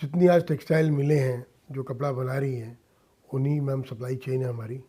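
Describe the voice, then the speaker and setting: A middle-aged Indian man, a businessman and social worker, speaks earnestly as a guest in a radio studio interview, slipping English phrases into his talk. His voice is medium in pitch and warm, with a steady tone and a slightly quick pace.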